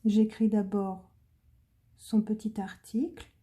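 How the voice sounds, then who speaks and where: Slow, patient woman teaching handwriting. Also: medium pitch, flat delivery, warm tone. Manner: slow, patient, clearly articulated dictation. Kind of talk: handwriting lesson, step-by-step instruction.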